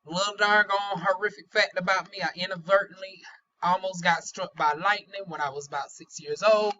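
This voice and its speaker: Bright-voiced Southern woman with soft, imperfect Rs. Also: mid-range voice, steady tone, moderate pace. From North Carolina, US South. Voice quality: trouble pronouncing R sounds. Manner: folksy, candid, chatty with playful euphemisms and slang. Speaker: beauty vlogger, aesthetician. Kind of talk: casual product-review chat. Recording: dull, lo-fi sound.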